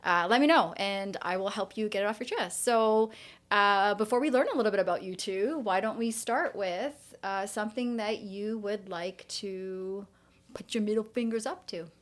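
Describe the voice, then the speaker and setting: A woman's voice: medium pitch, normal speed. A woman in her forties hosting a podcast in a casual, conversational way. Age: 40s. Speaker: podcast host.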